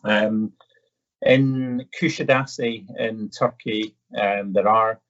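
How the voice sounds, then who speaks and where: Through dull, slightly muffled audio comes a lowish, steady, slightly bright voice speaking slowly. It belongs to an Edinburgh man with a Scottish accent who presents a relaxed live question-and-answer session, courteous and chatty but hesitant.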